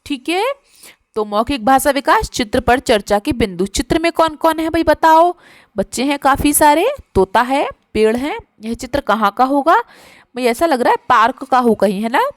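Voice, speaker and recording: A woman teacher, taking young children patiently through a workbook lesson and repeating each word slowly. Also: sits high, expressive, no echo, studio quality.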